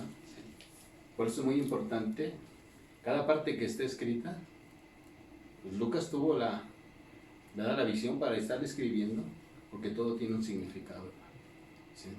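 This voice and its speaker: A man preaches a Bible study in a roomy church hall, with his voice sitting at an ordinary middle pitch. He talks in a conversational way, constantly checking in with his listeners. He sounds set back from the microphone, and a faint ambience hums underneath. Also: a little mellow, slight background noise. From Mexico. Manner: conversational teaching, constant tag questions to the congregation. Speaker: pastor. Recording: echoey room, distant mic, faint ambience.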